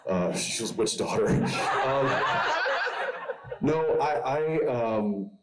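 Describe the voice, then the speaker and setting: A man on a convention panel chatting easily, halting and joking with a laugh. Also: medium pitch, animated, heavy background noise. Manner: easygoing, halting, jokes and laughs. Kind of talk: casual panel chat.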